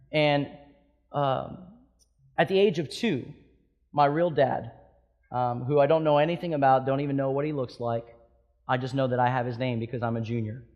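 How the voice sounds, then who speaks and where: In a mid-range voice, a thirty-something Hawaiian pastor delivers a sermon full of passionate swings between loud, emphatic high points and softly hushed stretches.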